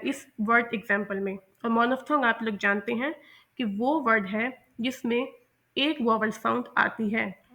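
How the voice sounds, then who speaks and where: A woman's voice: a little high, bright, forceful tone. A woman from Pakistan with a Pakistani accent teaching English pronunciation patiently, often repeating and correcting herself. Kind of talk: explanatory lesson, mixing Hindi-Urdu with English.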